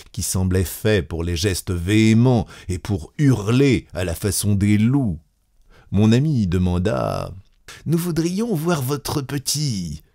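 Slow, low-voiced male storyteller. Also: dark tone. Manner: slow, measured, grave delivery. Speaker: narrator. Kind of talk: literary audiobook reading.

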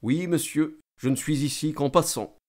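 A man voicing a humble, hesitant old country priest who speaks quietly and haltingly. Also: fairly high pitch, close to an everyday voice.

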